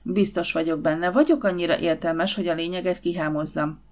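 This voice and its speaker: A quick-tempered young Victorian lady, voiced by a woman reading an audiobook, demanding answers. Her delivery lifts and presses with indignation. The voice sits a little low for a woman. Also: steady tone, lightly acted. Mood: pointed. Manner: indignant, exclaiming.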